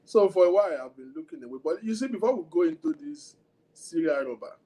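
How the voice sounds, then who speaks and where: A man with a Nigerian accent hosts a casual livestream, his high-pitched, mellow voice swinging widely in pitch at a quick pace. He rambles, code-switches, and chats directly with viewers, describing himself as having a big voice.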